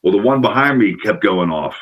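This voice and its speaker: A middle-aged man tells a long story in casual conversation, his voice sitting a little low. He rambles and gets excited, stumbling over repeated words as he goes. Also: fairly quick, lo-fi sound. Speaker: paranormal investigator guest.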